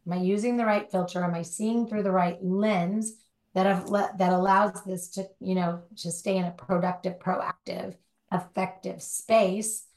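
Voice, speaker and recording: A woman in a relaxed interview, thinking out loud in long winding sentences and tagging them with "right?". Her pitch sits in the middle for a woman. The voice carries a noticeable room echo. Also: measured pace. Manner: talks in long run-on thoughts with many rhetorical "right?" tags. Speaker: guest, recovery life coach. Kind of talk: conversational interview. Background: dog barking at times.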